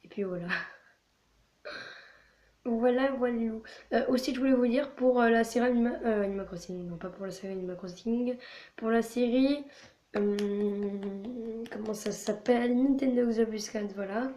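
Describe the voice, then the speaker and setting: A woman with a hoarse voice chatting casually while playing a game, rambling with lots of filler words. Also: on the high side, normal speed, warm tone. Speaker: channel host. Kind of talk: casual gaming vlog chatter.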